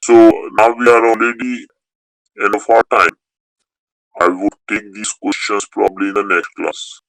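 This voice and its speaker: A man's voice: fairly low pitch, flat delivery, measured pace, fairly bright tone, dry recording, poor audio. A man teaching a beginners' Sanskrit class, explaining rules step by step and repeating key points. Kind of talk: online class lecture.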